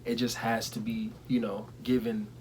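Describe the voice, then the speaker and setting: A man's voice: fairly low pitch, flat delivery, moderate pace, a little hiss or hum, low-quality recording. Earnest young man in casual chat. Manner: reflective, earnest, sometimes laughing loudly.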